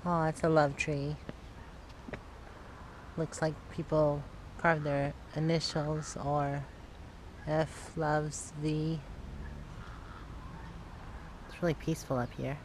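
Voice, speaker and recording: Road-trip vlogger, mid-pitched, relaxed and chatty, recorded over loud car noise. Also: takes it slowly, pauses often. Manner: relaxed, chatty, with frequent fillers. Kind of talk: casual travel vlog narration. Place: inside a car, then outdoors on a hilltop.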